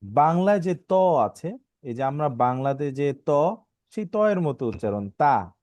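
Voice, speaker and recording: A man with a mid-range, slightly mellow voice patiently teaches Arabic letter sounds online and live, having learners repeat the syllables he drills. His Bangladeshi Bengali accent comes through as he speaks a little slowly and animatedly, stretching some sounds and half singing. The recording is dry.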